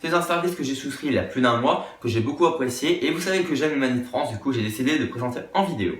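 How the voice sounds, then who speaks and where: An upbeat man rattles through a casual tech explainer at a quick clip. He speaks straight to his viewers in a chatty manner. The room gives his voice a noticeable echo. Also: mid-range voice, animated. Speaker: tech YouTuber.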